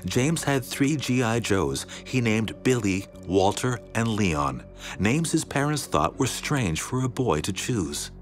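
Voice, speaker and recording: A man reading a scripted documentary narration in a dramatic way, slowing down on key words, with music playing behind him. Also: fairly low pitch, lively intonation. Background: background music.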